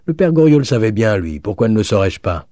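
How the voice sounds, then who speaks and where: A mocking, worldly cynic, given voice by a male reader, low and dark in tone. He speaks with sardonic assurance, knowing better than everyone at the table. Dry, close audiobook sound. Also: big pitch swings, brisk, no room sound. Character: cynical worldly middle-aged man, mocking. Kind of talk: audiobook reading.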